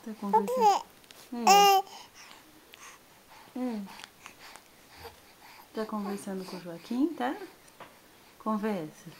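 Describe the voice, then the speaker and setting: A Brazilian mother gently and repetitively coaxing her babies to talk in a home video. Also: a little high, sing-song, slow, pauses often, background noise. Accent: Brazilian Portuguese.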